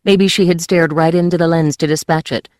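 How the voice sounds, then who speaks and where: An audiobook narrator tells the story in a steady, measured voice. The pitch sits in the middle. The sound is close and dry, with no room echo.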